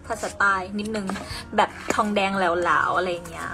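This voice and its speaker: A woman's voice: lowish voice, fairly even intonation, fairly quick, gravelly. Chatty young woman streaming over music. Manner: chatty, playful, reads comments aloud. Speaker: live streamer packing orders. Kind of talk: casual live-stream chat reading comments.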